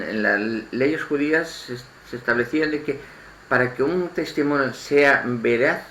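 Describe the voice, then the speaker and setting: A man from Spain with a Spanish accent giving an informal spoken sermon, halting and restarting his phrases and repeating words as he goes. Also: medium pitch, fairly bright tone, slight background noise. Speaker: lay preacher. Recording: echoey room, faint ambience.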